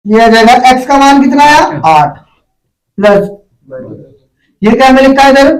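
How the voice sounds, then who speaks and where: Expressive and a little slow, a male math teacher with a very high voice questions his students and calls them "beta" in a call-and-response lesson. The room is echoey and the mic distant.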